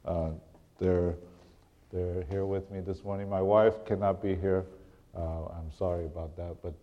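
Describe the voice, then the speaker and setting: A middle-aged man from Taiwan, preaching a sermon as a guest preacher. He speaks haltingly, restarts often and clears his throat now and then. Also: lowish voice, highs cut off.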